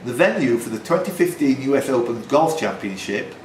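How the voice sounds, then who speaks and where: Brisk and lively in intonation, this quiz host has a darkish, mid-range voice. He reads out pub quiz questions in a tavern, adding chatty, teasing jokes along the way. The live recording is roomy and faintly noisy.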